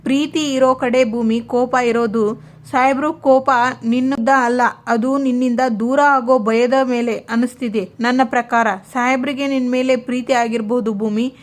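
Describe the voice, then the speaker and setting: A woman's voice: on the high side, fairly even intonation, normal speed, close to an everyday voice. A woman voicing a caring older-sister figure who coaxes and insists on the truth. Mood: reassuring. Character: caring older-sister friend, probing and protective.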